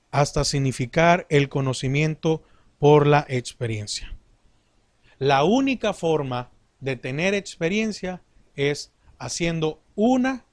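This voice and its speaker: A middle-aged man delivers a sermon at a slow, measured pace. His voice sits slightly high for a man. He leans on rhetorical questions to draw the congregation in. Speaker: preacher.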